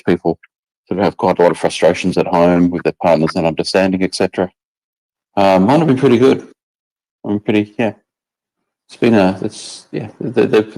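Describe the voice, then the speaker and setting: A man's voice: lowish voice, vocal fry, darkish tone, poor audio. A middle-aged man from England, a guest chatting casually on a video call, rambling with many restarts and fillers. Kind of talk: casual chat.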